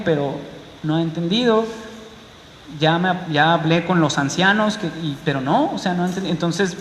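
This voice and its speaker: Mexican pastor guy, highish voice, chatty sermon always asking "¿sí?", big echoey church hall. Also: a bit bright, slight background noise. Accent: Mexican Spanish. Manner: conversational preaching, keeps asking "¿sí?".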